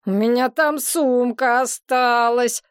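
A woman's voice: mid-range voice, creaky, dry recording, clean studio sound. Gelya, woman voicing a drunk whiny young woman. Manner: slurred, slow and whiny. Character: tipsy capricious secretive young woman.

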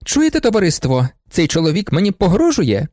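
Guy doing a teasing young widow, bossy, raised pitch, dry close sound. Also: sing-song, a little fast, darkish tone, no room sound. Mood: mock alarm. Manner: teasing, commanding.

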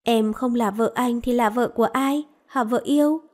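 A tender young man from a storybook romance coaxes and dotes, his words soft and unhurried, voiced by a woman narrator. The voice stays mellow and on the higher side. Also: lightly acted. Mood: doting. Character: tender doting young man, the male lead.

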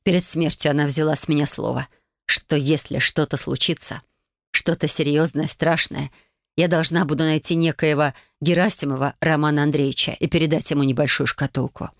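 A woman voicing a slow, anxious old-fashioned mother. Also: low voice, fairly even intonation, dry recording, studio quality. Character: worried middle-aged mother, frail heart, anxious.

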